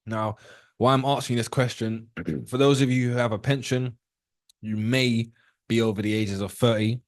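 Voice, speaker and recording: A man's voice: medium pitch, fairly even intonation, normal speed, no room sound, studio quality. A man in his thirties teaching trading on a live call, casual and direct, often asking his viewers questions. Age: 30s. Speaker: trading educator.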